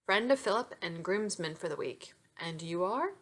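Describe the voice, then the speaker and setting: A woman's voice: fairly low pitch, normal speed. A woman author voicing an easygoing, witty male radio commentator in a romance novel reading. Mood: wry. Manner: relaxed, dry humor.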